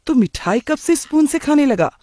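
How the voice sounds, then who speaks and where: A man's voice: very high-pitched, animated, normal speed, warm tone, no echo, studio quality, voice pushed up. A man putting on a doting middle-aged cartoon aunt. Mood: fond. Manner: affectionate, complaining. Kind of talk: cartoon voice acting.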